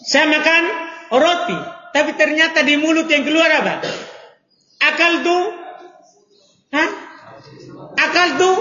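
Bright high male teacher, quizzing students, echoey hall on dull audio. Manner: questioning students, playful examples. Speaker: Arabic grammar teacher. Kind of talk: classroom lesson.

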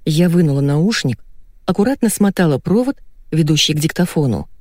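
A woman narrating an audiobook in the first person with a lively, expressive reading. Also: sits low, brisk, no room sound, clean studio sound.

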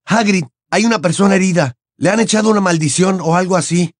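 A man's voice: fairly high pitch, a little fast, a little mellow, dry recording, pitched above the performer's own voice, natural voice. Male reader doing a teen boy wizard, urgent, raised voice, storybook audiobook, dry sound. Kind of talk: audiobook character voice.

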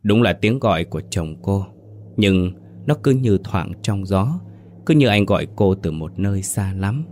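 A man narrating a scripted ghost story in a slow, somber manner. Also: low-pitched, a little mellow. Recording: dry close voice with faint music.

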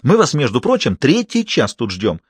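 A man voicing a pushy, arrogant woman of about thirty, loud and challenging. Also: medium pitch, wildly swooping pitch, normal speed, breathy edge, dry recording, studio quality. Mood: shrill haughty.

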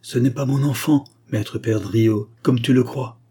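A man's voice: medium pitch, little pitch movement, normal speed, mellow, husky, pitched above the performer's own voice, natural voice. A man voicing a frightened young woman in a storybook, pleading in anguish, partly in a whisper.

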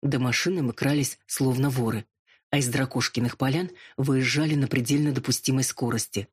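An audiobook narrator reading a first-person story in an even, measured manner. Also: medium pitch, slightly rough.

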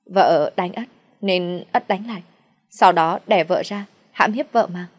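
A woman's voice: lowish voice, a little slow, slightly rough. A woman voicing a simple-minded, brutish young man who talks like a child. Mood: childlike, loud. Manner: childlike, calls himself by name.

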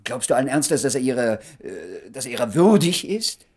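This male actor, portraying a nosy and quickly flustered doctor in a German radio play, has a mid-range, sing-song voice that is a little mellow and slightly rough, at a moderate pace. He comes across curious and nettled, insisting and hesitating while feigning indifference.

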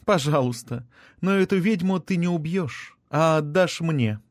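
A man's voice: a little high, unhurried, no echo, pitched above the performer's own voice, close to an everyday voice. A haughty young witch with a teasing, arrogant lilt, as a male reader puts her on. The voice is lifted above his own. The recording is close and dry.

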